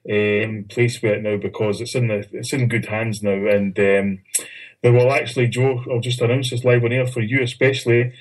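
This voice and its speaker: A man's voice: mid-range voice, fairly even intonation, normal speed, rough recording. A man chatting casually as a podcast co-host. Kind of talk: casual chat.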